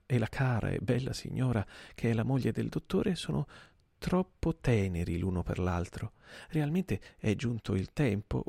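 A man's voice: medium pitch, vocal fry, mellow, dry recording, studio quality, pitched above the performer's own voice. A man voicing a fawning, hypocritical male clerk who speaks with insolent, oily humility. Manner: oily, falsely humble.

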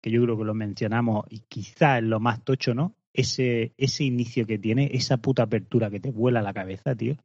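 A man from Spain with a Spanish accent, co-hosting a podcast in excitable casual chat, swearing and laughing often. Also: mid-range voice, a little fast, few pauses, no room sound, muffled recording. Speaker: podcast co-host.

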